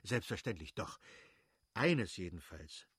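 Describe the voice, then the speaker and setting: A man voicing a good-natured, effusive middle-aged nobleman who pleads warmly with his brother-in-law. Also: sits low, very animated, unhurried, husky, no echo, clean studio sound, full character voice. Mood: effusive pleading. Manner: warm, effusive, imploring.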